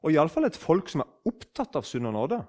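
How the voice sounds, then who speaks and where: An older man in his sixties from southern Norway tells a story in a loose, conversational way. His voice sits a little high for a man, and he talks with plenty of life, often breaking off and starting his sentences again. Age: 60s. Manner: animated, restarts sentences, acts out quoted speech. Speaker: speaker on faith.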